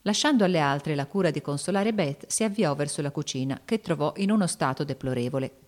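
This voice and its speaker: A woman reading a classic novel aloud as narrator, steady and even. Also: low voice, brisk. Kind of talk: scripted audiobook narration.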